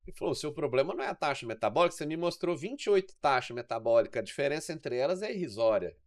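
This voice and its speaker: A man's voice: a little high, expressive, rapid-fire, no room sound, clean studio sound. A man with a Mineiro Brazilian accent, chatting casually on a podcast as an exercise science guest and telling stories full of acted-out quoted dialogue. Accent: Mineiro Brazilian Portuguese.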